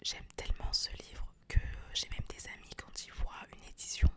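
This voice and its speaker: A young adult woman doing ASMR book talk in a hushed, breathy library whisper with no voice behind it. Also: normal speed. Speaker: host of a book recommendation video. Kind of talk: whispered ASMR talk about favourite books, with some reading aloud.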